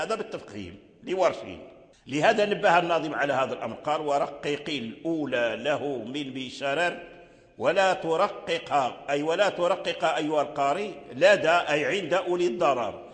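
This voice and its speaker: A man's voice: on the high side, long reverb tail. A man teaching the rules of Quran recitation, patiently repeating each point several times. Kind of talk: religious lesson explaining recitation rules.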